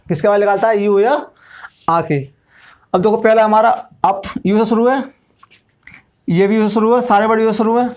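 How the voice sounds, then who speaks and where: A male English teacher, giving a classroom lesson and explaining step by step, asking questions and then answering them himself. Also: sits high.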